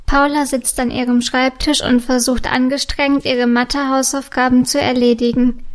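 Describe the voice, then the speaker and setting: A woman narrating a children's story in a calm, clear, even storytelling manner. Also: sits high, moderate pace.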